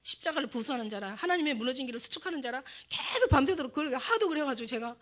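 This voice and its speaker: A woman's voice: sits high, lively intonation, racing, a bit bright. A middle-aged woman pastor preaching a sermon with emotion, acting out prayers and God's words as she goes.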